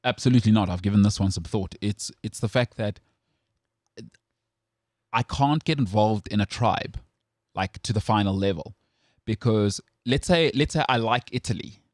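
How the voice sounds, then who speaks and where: A man's voice: on the low side, moderate pace, a little mellow, no echo. Opinionated South African man, dry sound. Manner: opinionated, emphatic, stammers on restarts. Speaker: sports show host. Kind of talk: casual sports chat.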